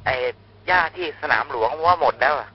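A fast-talking male caller on a phone line into a radio show, a little high in pitch. He rushes and repeats himself as he makes his points. The sound is muffled and phone-thin. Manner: hurried and insistent, repeats words. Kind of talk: phone-in political rant.

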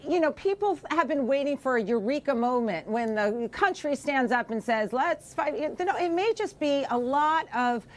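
A woman's voice: high-pitched, animated, normal speed, hardly any pauses. A woman giving political commentary on a news panel, emphatic and full of fillers.

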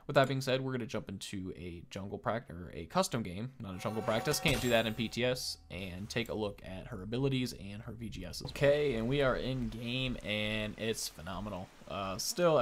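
A man in his thirties with a lowish voice gives casual, enthusiastic, informal gameplay commentary as a video creator. He records on webcam in a small room at home, with slight background noise.

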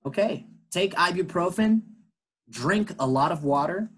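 Slow, patient bilingual English teacher man. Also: high-pitched, animated, fairly bright tone, breathy edge, rough recording. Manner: slow, patient explaining, switching between English and Spanish. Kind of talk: bilingual classroom lesson.

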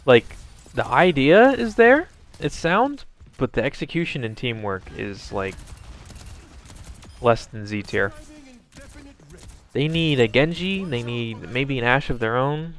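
Gravelly-voiced man commenting on his gameplay. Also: medium pitch, lively intonation, unhurried, long pauses, a bit bright. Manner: wry, sarcastic, profane.

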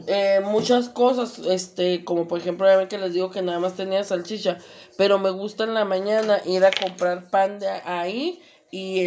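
A woman cooks and chats in her kitchen, her Mexican accent clear as she speaks slowly and fills pauses often. Her mid-range voice is a little mellow; the camera across the stove gives a muffled sound with a little hiss or hum.

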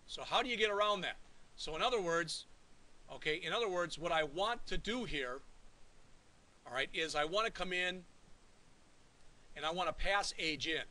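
A man's voice: high-pitched, animated, moderate pace, long pauses, pushed and bright, rough recording. A man teaching a college programming class, talking conversationally and checking in often with the students. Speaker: college instructor. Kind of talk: classroom lecture. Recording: faint hiss.

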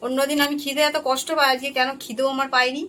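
A woman chatting to her viewers in a rambling home vlog, her voice hoarse from a cold. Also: high voice, level tone, fast talker, pushed and bright. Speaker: home vlogger.

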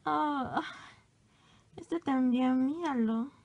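A woman's voice: high-pitched, extremely slow, highs cut off. A woman casually showing off her old hand drawings, gushing and exclaiming as she goes. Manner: gushing, exclamatory, self-teasing. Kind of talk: casual show-and-tell.

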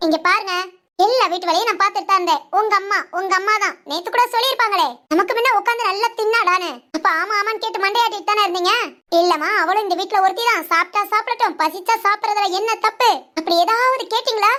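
A woman doing a defiant, sharp-tongued young wife. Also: extremely high pitch, quick pace. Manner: defiant, firm, talks back. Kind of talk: animated family cartoon dub.

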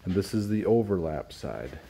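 A man's voice: deep voice, lively intonation, normal speed, vocal fry, mellow, slight background noise. A middle-aged man in a pole barn workshop, plainly explaining how he puts up steel siding, step by step, with small restarts. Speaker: homestead video host. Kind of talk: casual how-to narration.

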